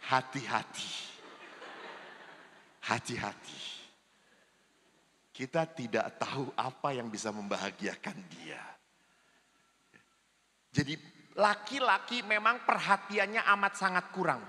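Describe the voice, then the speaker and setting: Priest leading a family seminar, high bright voice, playful and lively, reverberant church hall. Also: male voice, a little slow, pauses often. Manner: lively, jokey, acts out spouses' lines. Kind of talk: humorous seminar talk. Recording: long reverb of a large hall.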